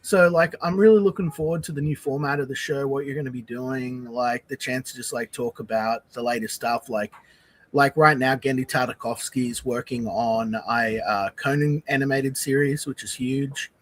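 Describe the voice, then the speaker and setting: A man's voice: mid-range voice, steady tone, normal speed. Casual rambling man with faint background noise. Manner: rambling, sprinkles in "like" and swearing. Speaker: live show guest. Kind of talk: casual chat.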